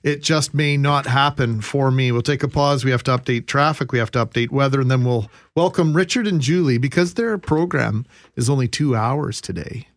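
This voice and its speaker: A man's voice: mid-range voice, moderate pace, no echo. Male radio host, teasing banter, dead-dry studio mic. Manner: joking, teasing. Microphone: studio microphone.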